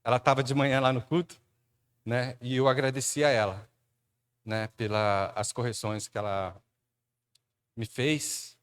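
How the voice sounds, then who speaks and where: A man with a Brazilian Portuguese accent telling a church testimony, animated storytelling with frequent tag questions. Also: a little slow, pauses often, smooth. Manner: animated storyteller, acts out quotes with rising pitch; addresses a listener by name and tags lines with "né". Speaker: church speaker giving testimony.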